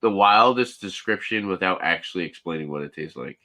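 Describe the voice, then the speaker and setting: A man hosts a laid-back live beer review, talking in a low yet bright, forceful voice. He chats loosely with a friend and reads can descriptions aloud in a plain, casual way. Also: a little fast. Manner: relaxed, chatty, reads can labels aloud.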